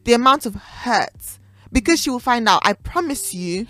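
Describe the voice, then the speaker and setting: A woman in her twenties co-hosting a podcast, talking with emphatic energy and loud laughs. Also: on the high side, normal speed, dry recording. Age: 20s. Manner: animated, laughs loudly, emphatic. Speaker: podcast co-host. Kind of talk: casual chat.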